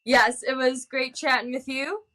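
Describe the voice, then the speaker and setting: Young woman, bright clear tone, a bit high, short reactive replies, casual podcast chat. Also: steady tone, unhurried. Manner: brief reactions, laughs. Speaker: podcast co-host.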